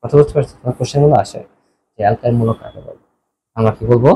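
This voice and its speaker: A man's voice: mid-range voice, fairly even intonation, rapid-fire, warm tone, a little hiss or hum, poor audio. A male chemistry teacher giving a classroom lecture, often checking in with his students and mixing English terms into his explanations. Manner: asks students frequent check questions; mixes English terms into speech.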